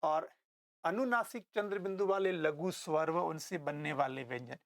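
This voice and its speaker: Gravelly-voiced male Hindi teacher lecturing. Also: a little high, normal speed. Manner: repeats "ध्यान देना", asks and answers his own questions. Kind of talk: classroom lecture on Hindi prosody.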